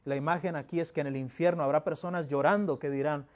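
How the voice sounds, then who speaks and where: A man's voice: fairly high pitch, steady tone, fast, a little mellow. A man delivers an emphatic church sermon in a slightly raised voice. He poses rhetorical questions and answers them by reading scripture aloud. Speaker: pastor. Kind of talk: Spanish-language sermon. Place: church sanctuary.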